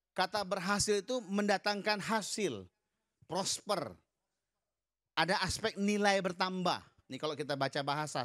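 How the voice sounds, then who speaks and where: A middle-aged male pastor preaching a sermon, leading the congregation in response and telling humorous stories. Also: high voice. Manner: lively storytelling with humorous asides to the congregation; leads the congregation in call-and-response.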